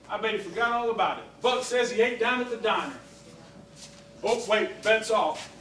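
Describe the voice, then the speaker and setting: A man's voice: high-pitched, moderate pace, slight background noise. A man acting an eager, restless young traveler in a community theatre musical, recorded from far off on stage. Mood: amused. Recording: distant echoey stage recording, loud music.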